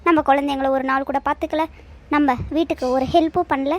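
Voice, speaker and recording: A woman's voice: high voice, steady tone, fast, highs cut off, natural voice. A woman voicing a bossy cartoon husband who scolds and gives orders. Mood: scolding. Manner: commanding, scolding.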